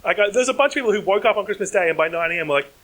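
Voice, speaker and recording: Young comic writer, tense bright tone, lots of likes and ums. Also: male voice, high voice, animated, poor audio. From Australia. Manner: fast, run-on, heavy fillers. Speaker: comedy writer on panel. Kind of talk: panel discussion. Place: conference stage.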